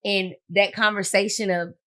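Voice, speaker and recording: A young woman in her twenties guests on a casual podcast and speaks candidly and reflectively about her life. Her voice has a bright, forward tone at a middle pitch. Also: flat delivery, moderate pace. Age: 20s. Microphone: studio podcast mic.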